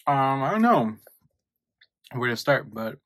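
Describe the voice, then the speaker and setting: A man's voice: medium pitch, very animated, takes it slowly, fairly bright tone, dry recording. A man, chatting casually in a snack vlog and switching between English and Spanish. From New York, USA. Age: 20s. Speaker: YouTuber.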